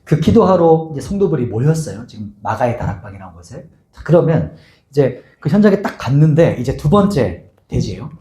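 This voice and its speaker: A man's voice: fairly high pitch, very animated, fairly quick, mellow. A man preaching a sermon as pastor, asking his congregation question after question and leading them in reading scripture aloud. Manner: asks the congregation many rhetorical questions; acts out the scene with voices. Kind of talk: expository sermon. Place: church sanctuary. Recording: echoey church sanctuary.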